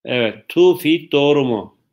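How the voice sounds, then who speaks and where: A man's voice: on the high side, animated, unhurried, darkish tone. A man teaching an English lesson live online to schoolchildren, greeting pupils by name and quizzing them with repeated questions. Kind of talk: live online class for children.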